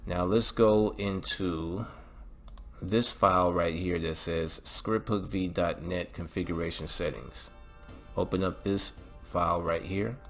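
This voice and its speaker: A low-pitched man hosting a game-modding channel gives casual, step-by-step instructions, habitually ending phrases with "okay" or "all right," while music plays behind him.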